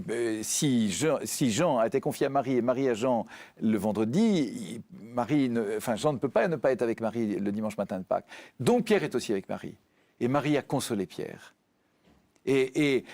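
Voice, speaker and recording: A man's voice: medium pitch, a little mellow. A man speaking earnestly as a guest in a spiritual radio discussion, often repeating words as he searches for them.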